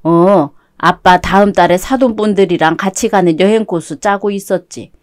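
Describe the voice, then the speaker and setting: A woman voicing a gentle, mild older father who speaks low and slowly. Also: dry recording, clean studio sound, lightly acted. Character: gentle older farmer father, soft-spoken.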